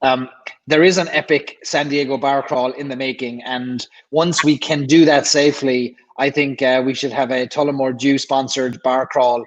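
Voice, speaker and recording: A man's voice: medium pitch, moderate pace, dull audio. A man hosting a casual livestream, chatting at ease and reading out viewer questions. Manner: relaxed, reads viewer questions aloud. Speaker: livestream host.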